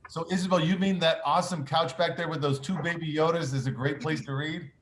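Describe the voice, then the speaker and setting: Morning announcements come over the school intercom from an upbeat, encouraging principal whose voice is fairly high and steady, moving at a fairly quick clip with many "uh" fillers. Faint noise and room echo accompany the intercom-style sound.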